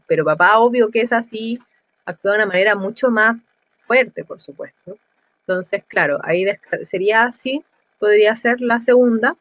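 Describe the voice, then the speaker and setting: A woman's voice: fairly high pitch, fairly bright tone, dry recording, low-quality recording. Chatty woman teacher, dry close sound. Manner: conversational, thinking aloud with fillers. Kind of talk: explaining exam answers.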